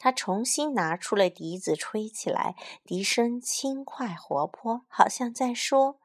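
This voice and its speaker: A woman reading a picture book aloud to children, with lively asides to her young listeners. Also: a little high, a little slow. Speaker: storyteller.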